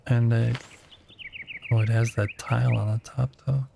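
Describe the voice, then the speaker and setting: A man's voice: medium pitch, little pitch movement, normal speed, gravelly, very noisy. A man from the United States chatting casually to viewers while building in a game, musing aloud as he works. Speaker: streamer.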